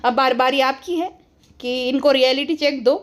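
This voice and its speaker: A woman talks through casual commentary in a sarcastic, mocking tone. Her voice sits high and she needles the people she discusses at an unhurried clip. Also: steady tone. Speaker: commentary YouTuber.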